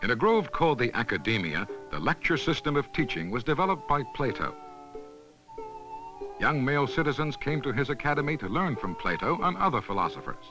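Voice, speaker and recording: Over music, a man reads scripted documentary narration in a measured, instructional style reminiscent of a 1970s educational film soundtrack. His voice is mid-range with big pitch swings.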